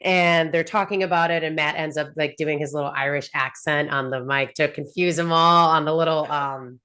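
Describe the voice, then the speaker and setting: A woman hosts a casual recap chat with a slightly low voice. She talks in an animated way, piling on fillers and laughing as she retells scenes. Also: moderate pace. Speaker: podcast host.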